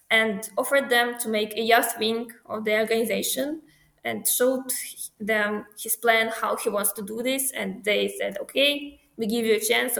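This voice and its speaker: A young Ukrainian woman speaks in a slightly high voice with a gravelly edge, her English thoughtful and halting. The room around her is roomy and echoey. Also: a bit bright. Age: young adult. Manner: thoughtful, halting non-native phrasing. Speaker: guest. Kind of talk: casual interview answers.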